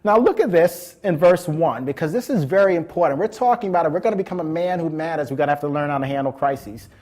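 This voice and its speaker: A man preaching a Bible teaching, stressing key words slowly and often restarting his sentences. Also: on the high side, darkish tone. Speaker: pastor. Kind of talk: sermon teaching.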